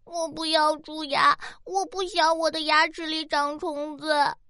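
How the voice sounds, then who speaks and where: A woman voicing a curious, easily scared little girl rabbit in a children's storybook, childlike and excitable. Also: very high voice, unhurried, no room sound, studio quality, full character voice. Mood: tearful. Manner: childlike, whiny, excitable outbursts.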